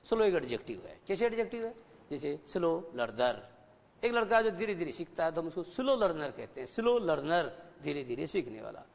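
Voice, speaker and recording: A man teaching an English class to schoolchildren, explaining slowly and asking them rhetorical questions. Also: on the high side, very animated, creaky. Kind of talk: classroom lecture. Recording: dull lo-fi broadcast with long reverb.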